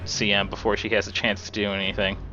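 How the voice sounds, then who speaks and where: A man with a raspy voice giving casual, chatty live commentary on a game as an esports caster. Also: on the low side, level tone, quick pace, muffled recording, loud music behind the voice. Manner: casual, chatty play-by-play with fillers.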